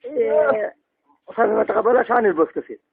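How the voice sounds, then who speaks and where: A man's voice: sits high, very animated, rapid-fire, vocal fry, slightly rough, dry recording. An Algerian man on a phone call, evasive and placating, haggling his way around a debt. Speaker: debtor offering used goods instead of money. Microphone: telephone. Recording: tinny, band-limited phone line.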